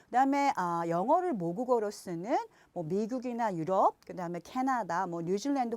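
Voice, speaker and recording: A woman teaching phonics to parents, speaking to viewers directly and slowing down to sound out example words. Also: on the high side, a little mellow, no room sound. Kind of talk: explanatory lesson.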